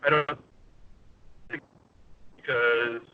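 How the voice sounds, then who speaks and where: A man's voice: medium pitch, fairly even intonation, drawn-out words. A man in casual chat over a remote call whose stream keeps breaking up and turning garbled, talking in a hesitant, easygoing way. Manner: easygoing, hesitant, trails off into fillers. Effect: garbled, choppy stream that keeps cutting out. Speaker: podcast guest on a remote call. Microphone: phone or laptop on a mobile connection. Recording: dull lo-fi remote connection.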